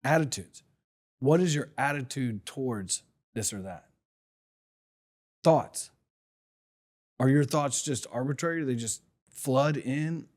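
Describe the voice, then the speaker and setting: A man's voice: medium pitch, slow, pauses often. A middle-aged man hosting a solo motivational podcast, reflective, asking rhetorical questions and drawing on his own life. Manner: reflective, asks rhetorical questions, talks from personal experience. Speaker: podcast host.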